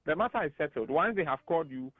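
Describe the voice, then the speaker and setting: A man with a Ghanaian English accent, speaking as a guest analyst on a radio talk show, animated and emphatic. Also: fairly high pitch, fast, no echo. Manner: animated and emphatic, laughs often. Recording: tinny phone-like radio studio sound.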